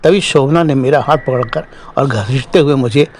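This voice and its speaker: A man telling a first-person horror story in steady, dramatic scripted narration, closing as the show's host. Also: medium pitch, moderate pace, a little hiss or hum.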